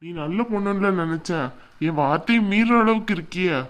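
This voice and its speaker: A woman's voice: on the low side, brisk, natural voice. A woman voicing an older male father-in-law in a cartoon, firm and fatherly. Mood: stern. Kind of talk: cartoon voice acting.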